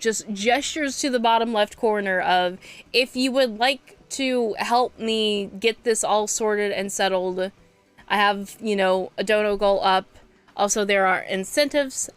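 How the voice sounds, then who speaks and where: A woman's voice: medium pitch, unhurried, smooth, faint music behind. A young woman streamer chatting casually on a live stream, venting in frustrated, swearing rants.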